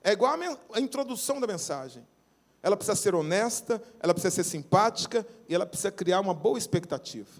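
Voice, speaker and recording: A man preaches a sermon in church with a Brazilian Portuguese accent. His voice sits high and swings widely, and he plays out everyday exchanges, dropping his voice low and then rising again. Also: fast. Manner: animated, acts out little everyday scenes with dropping and rising voice. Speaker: pastor. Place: church sanctuary.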